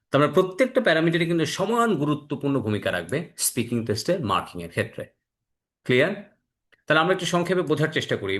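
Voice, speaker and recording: A man teaches an online IELTS class at a middle pitch. He switches between Bengali and English, poses questions and answers them himself. His English words come slowly and deliberately. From Bangladesh. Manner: drawn-out, careful English words.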